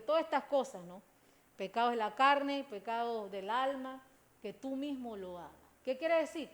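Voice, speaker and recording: Panamanian woman pastor, middle-aged, high voice, emphatic sermon delivery. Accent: Panamanian Spanish. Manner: preaching with rising emphatic bursts, addressing listeners as brothers.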